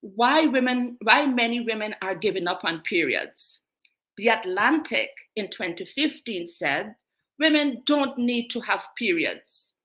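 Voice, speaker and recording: Speaking a little slowly in an animated, medium-pitched voice with a sharp edge, a woman leads an online group as its host. She's a menstrual wellness coach born in England and raised in Guyana, and her delivery is emphatic, with key phrases repeated.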